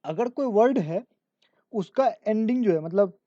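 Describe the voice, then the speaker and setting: A woman teaching grammar in an exam-prep lesson, explaining step by step with lots of repetition and reading rules out slowly. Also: medium pitch, lively intonation, warm tone, no room sound. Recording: dull lo-fi dry recording.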